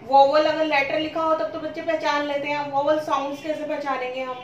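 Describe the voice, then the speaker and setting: A woman's voice: high-pitched, flat delivery, brisk, muffled recording, slight background noise. A woman teaching an English grammar lesson who keeps asking questions and then answering them herself. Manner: repetitive questioning, answers her own questions. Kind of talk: classroom-style lesson explanation. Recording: roomy echo, speaking from a distance.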